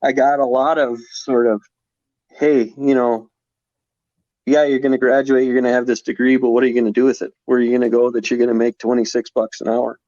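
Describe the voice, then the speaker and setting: A man in his forties talks reflectively as a podcast guest, often restarting his sentences. His voice sits in an ordinary middle pitch. The sound is dry and slightly dull, like a modest podcast recording. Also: level tone, fairly quick, mellow, no room sound. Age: 40s. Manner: reflective, many restarts and fillers. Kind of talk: casual conversation.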